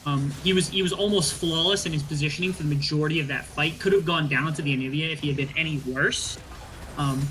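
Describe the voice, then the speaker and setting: A man's voice: a little high, fairly even intonation, quick pace, fairly bright tone, slight background noise, poor audio. A man giving color commentary on an esports match, breaking down plays analytically with frequent ums and uhs.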